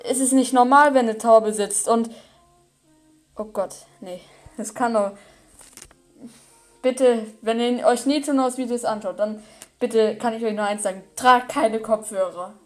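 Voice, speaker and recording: A woman's voice: a little high, a little slow, long pauses. A woman hosting a casual reaction video, rambling, giggly and apologetic.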